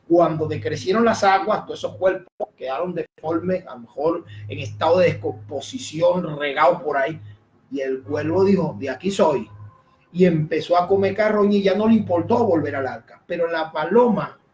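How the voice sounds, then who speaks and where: A man preaching as a pastor, speaking emphatically in a sermon that swings between raised and hushed lines. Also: high voice, roomy sound, a little hiss or hum. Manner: emphatic preaching with rising and dropping voice, frequent "amén". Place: church.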